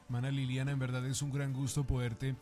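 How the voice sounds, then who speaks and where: A man's voice: mid-range voice, completely flat delivery, a little fast, warm tone. Polite male radio co-host over faint music. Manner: polite, filler-laden introductions. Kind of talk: radio interview hosting.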